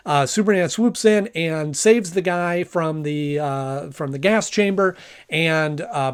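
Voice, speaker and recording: Higher-voiced man reviewing casually. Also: smooth. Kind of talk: casual episode review and recap.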